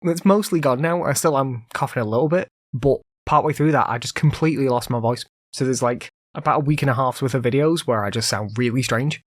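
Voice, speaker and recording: A podcast host with a mid-range voice talks on his own in a casual, meandering way, peppered with fillers. Still getting over an illness, he has a voice that occasionally breaks off. There's no echo, just clean studio sound.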